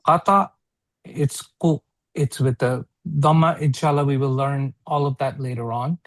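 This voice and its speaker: A man leads a casual, interactive read-along class over an online video call, working through the text phrase by phrase in a halting manner and frequently checking that listeners follow. His voice sits in the mid range with fairly even intonation, and there's no echo.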